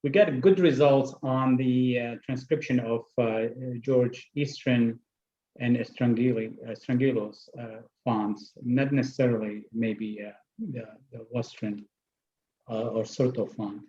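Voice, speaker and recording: A man's voice: mid-range voice, steady tone, measured pace, mellow, dull audio. A man asking a follow-up question in an online Q&A, hesitant and full of fillers, speaking over a video call.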